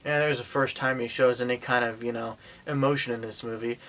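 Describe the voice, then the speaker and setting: A man's voice: mid-range voice, fairly even intonation, fairly quick, fairly bright tone. A man giving a casual spoken movie review, retelling the plot in a rambling way, with lots of fillers and sarcastic asides. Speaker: film reviewer.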